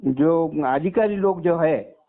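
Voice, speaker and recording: Calling in over a tinny, narrowband phone line, this sixty-one-year-old ex-soldier from Maharashtra, India, recounts his own experiences. He speaks slowly in a fairly high voice and keeps deferentially addressing the listener as "sir."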